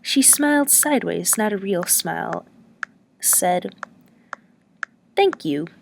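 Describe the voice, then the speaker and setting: A woman narrating a story aloud with steady, even-paced reading. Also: mid-range voice, a little slow, creaky, background noise.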